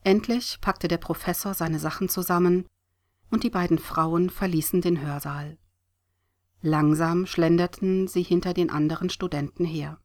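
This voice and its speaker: A woman narrating an audiobook in a steady, expressive reading voice. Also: fairly low pitch, normal speed.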